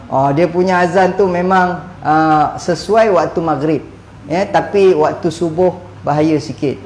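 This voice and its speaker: High-voiced preacher, echoey hall. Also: male voice, slow pace, a little hiss or hum. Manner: joking, storytelling, chanting the call to prayer. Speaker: religious teacher. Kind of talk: evening mosque lecture. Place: mosque hall.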